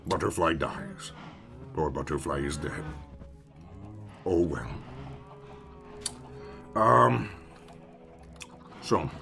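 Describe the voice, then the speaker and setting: A man's voice: very deep voice, animated, very slow, creaky, long pauses, bright, forceful tone, soft background music. A man streaming a game, chatting casually with his viewers, rambling, swearing freely and mocking himself. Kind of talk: casual live-stream chat while gaming.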